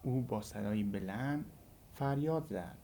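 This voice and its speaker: Persian-accented man teaching, dark low voice. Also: slight background noise. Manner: repeats English phrases slowly, then translates. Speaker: English teacher. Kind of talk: language lesson.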